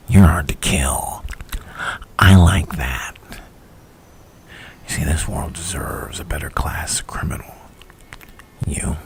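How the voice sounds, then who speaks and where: A menacing clown criminal, rumbles in an extremely low, creaky whisper. He speaks slowly and theatrically, coaxing and taunting with unhinged playfulness, like an ASMR villain roleplay with faint hiss behind him. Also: full character voice. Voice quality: breathy, gravelly whisper with creaky rasp. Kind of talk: ASMR roleplay, dramatic monologue.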